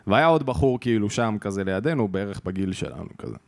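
A man's voice: lowish voice, creaky. A young man co-hosts a casual podcast chat. He tells stories with energy and acts out the people he quotes. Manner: animated storyteller, acts out quotes. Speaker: podcast co-host.

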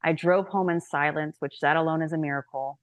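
A woman in her thirties, a guest speaker telling her personal faith story on a podcast, chatty and animated, with many fillers. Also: deep voice, a little fast, no room sound.

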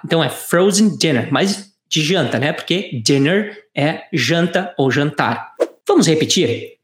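An English teacher, giving a lesson and drawing out English phrases slowly for the listener to repeat. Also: medium pitch. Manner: slow, drawn-out English phrases for repetition. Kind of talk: online language lesson. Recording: roomy echo.

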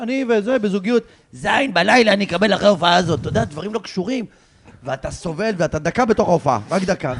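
A man, a stand-up comedian, telling a story on a talk show and acting out the shouting voices in it. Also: sits high, slight background noise. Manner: acts out screaming voices in his story. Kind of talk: animated storytelling.

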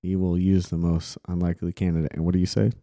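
A man hosts a casual Bible study chat. His voice is very low and mellow, recorded dry and close. He talks earnestly and reflectively, acting out quotes as he goes. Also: little pitch movement, fast, no room sound. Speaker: podcast host.

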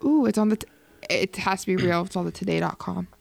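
A woman's voice: fairly low pitch, quick pace, gravelly, dry recording. A woman co-hosting a podcast, chatting casually in an upbeat, teasing way. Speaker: podcast co-host. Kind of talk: casual chat.

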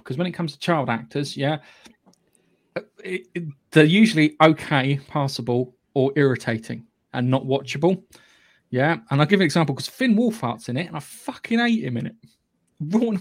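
A man with a British accent hosting a podcast, giving a casual, opinionated film review in a halting, sweary way. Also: a little high, creaky. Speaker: podcast host.

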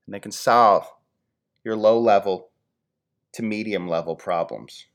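A man in his forties from the Philadelphia area, hosting a podcast and telling casual, rambling, self-deprecating stories, getting animated when he quotes his friends. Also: lowish voice, unhurried. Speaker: podcast host. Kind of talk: casual storytelling monologue.

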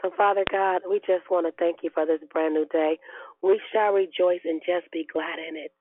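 A woman with a hoarse, raspy, worn-out voice, giving an earnest devotional talk and prayer in a conversational way on a group phone call. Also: fairly low pitch, steady tone, moderate pace, dry recording. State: hoarse, unwell. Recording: tinny narrow phone line.

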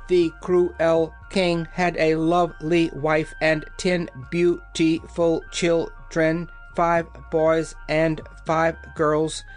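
A reader voicing a hoarse, creaky clockwork copper man who talks in one flat tone, with slow, even, mechanical delivery. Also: mid-range voice, lightly acted.

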